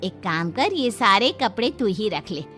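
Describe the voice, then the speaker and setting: A woman's voice: medium pitch, big pitch swings, measured pace, a bit bright, faint music behind. A woman voicing an indulgent older mother-in-law who speaks in a motherly, coaxing way in a cartoon story.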